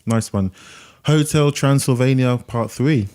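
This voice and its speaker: A British man co-hosting a casual film podcast, with soft rounded R sounds and a rambling, self-deprecating manner, often searching for words. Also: mid-range voice, unhurried. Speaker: podcast co-host.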